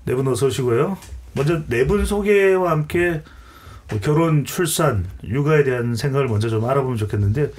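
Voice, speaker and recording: A man's voice: mid-range voice, lively intonation, normal speed, darkish tone, slightly rough. A man hosting a broadcast panel discussion as moderator, introducing guests and putting questions to them. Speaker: host, debate moderator.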